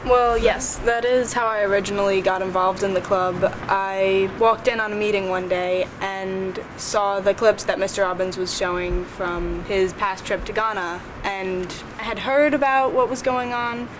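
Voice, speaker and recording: A woman's voice: mid-range voice, fairly even intonation, moderate pace, hardly any pauses. A young woman, a student, answering interview questions about her own experience. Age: young adult. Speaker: student club member. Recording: clearly noisy background.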